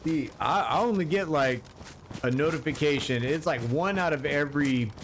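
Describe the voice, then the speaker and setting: A man's voice: a little high, a little hiss or hum. A man casually commentating his game on a live stream, joking and chatting with viewers, rambling with lots of fillers. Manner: slow, rambling with many fillers.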